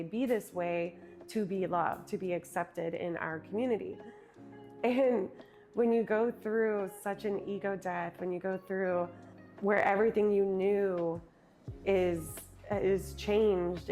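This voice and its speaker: A woman speaking as an interview guest, reflecting earnestly on her work as a speaker and retreat host, sometimes speeding up and sometimes slowing down. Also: on the low side, darkish tone. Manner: earnest, with quick and slow stretches, laughs easily.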